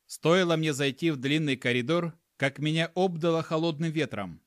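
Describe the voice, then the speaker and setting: A man narrating an audiobook in a brisk, sardonic manner, acting out his own lines. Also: on the high side, dry recording, clean studio sound.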